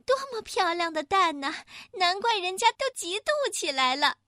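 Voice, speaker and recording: A woman voicing a vain, excitable young hen with a crooked comb, shrill and clucking. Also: measured pace, dry recording, clean studio sound, heavily acted. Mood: indignant.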